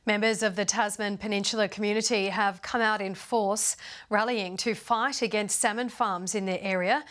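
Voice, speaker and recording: A woman with an Australian accent presenting the evening news in a measured, formal read. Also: medium pitch, fairly even intonation, fairly bright tone. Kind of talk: scripted news reading.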